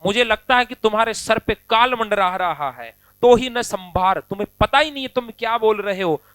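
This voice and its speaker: Male teacher, high-pitched, dry close sound; chants verse slowly, then explains chattily. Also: animated, fairly bright tone, clean tone, no room sound. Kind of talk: poetry lesson, recitation with explanation.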